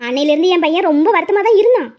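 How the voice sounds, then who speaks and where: A woman's voice: very high-pitched, lively intonation, very fast. A woman voicing a well-off, kind middle-aged mother in a cartoon, speaking in an earnest, reassuring way. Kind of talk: cartoon voice acting. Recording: dull lo-fi audio.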